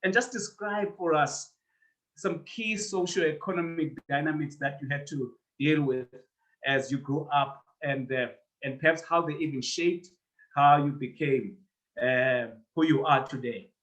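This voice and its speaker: A man's voice: on the high side, unhurried, a bit bright, poor audio. A man hosting a live online interview podcast, welcoming viewers by name over a video call. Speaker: podcast host.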